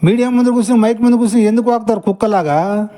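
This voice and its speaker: A man delivers a furious reaction commentary, heaping scorn and insults on the speaker he is answering. His voice sits high, yet its tone is dark and mellow. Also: rapid-fire, rough recording.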